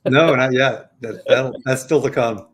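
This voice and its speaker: A man speaking as a guest author in a live online interview over a video call, halting and quick to laugh. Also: mid-range voice. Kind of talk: casual interview talk.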